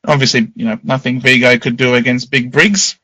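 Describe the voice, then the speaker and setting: An Australian man co-hosts a footy podcast, talking through the game in an animated, opinionated way. His voice is bright and sharp. It is recorded dry and close. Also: mid-range voice, a little fast, no echo, rough recording. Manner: animated, opinionated match talk. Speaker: podcast co-host. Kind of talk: casual footy podcast chat.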